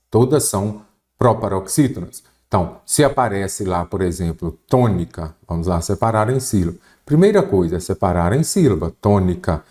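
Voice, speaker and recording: A man's voice: on the low side, darkish tone. Man teaching grammar step by step. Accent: Brazilian Portuguese. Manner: explains step by step, often asks "ok?" for the student. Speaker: Portuguese teacher. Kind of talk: exam-prep grammar lesson.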